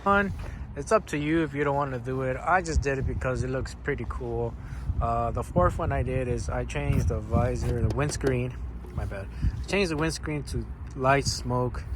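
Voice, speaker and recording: A motorcycle vlogger talks to viewers in a relaxed, slangy way, explaining modifications to his bike. His male voice is mid-range at a normal speed, with background noise behind him.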